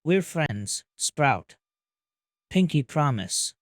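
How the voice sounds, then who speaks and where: Man playing tall protective uncle, low and rough, gentle, dry recording, fan-fiction audiobook. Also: sing-song, drawn-out words, no echo, heavily acted.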